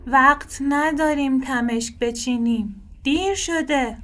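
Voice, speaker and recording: A woman voicing a small, slow snail who speaks in a pleading, tearful way in a storybook reading. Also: sits high, a bit bright.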